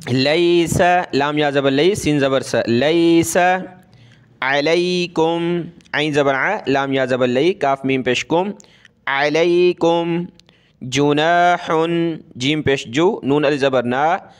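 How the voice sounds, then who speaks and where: A male Quran teacher who recites verses slowly and drawn out, then explains the letters and vowel marks in quick asides. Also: medium pitch. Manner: slow drawn-out recitation with brisk explanations between.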